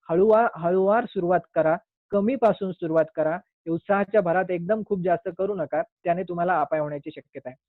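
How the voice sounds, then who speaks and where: A man's voice: sits high, no room sound. A man who is a doctor giving an earnest, explanatory health talk, now and then acting out little quoted scenes. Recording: tinny phone-like line.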